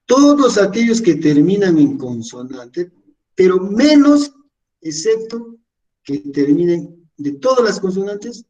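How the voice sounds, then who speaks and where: A man's voice: on the high side, mellow, recorded from a distance, highs cut off. A man teaching a class, explaining rules step by step and checking in with his listeners. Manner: explains step by step, repeats syllables, asks "¿no?". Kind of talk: online class lecture. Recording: voice from away from the mic.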